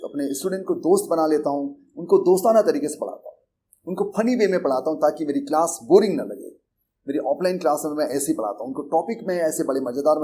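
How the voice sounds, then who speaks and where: Slightly high-voiced Indian man teaching earnestly. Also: mellow. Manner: earnest, repetitive, conversational teaching with English terms mixed into Hindi. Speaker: English teacher and coaching institute founder. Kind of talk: Hindi lecture on learning English.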